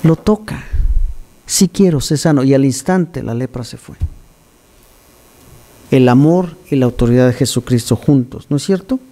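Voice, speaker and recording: Mellow-voiced pastor preaching. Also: male voice, mid-range voice, moderate pace, pauses often. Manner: animated, teaching, scolds listeners for distracting him. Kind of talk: sermon.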